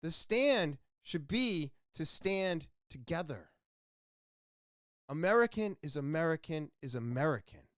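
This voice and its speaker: Podcast host, male, passionate solo rant, wide swinging pitch, unhurried delivery. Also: lively intonation, dry recording, clean studio sound. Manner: impassioned, ranting, then quiet and somber. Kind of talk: solo opinion monologue.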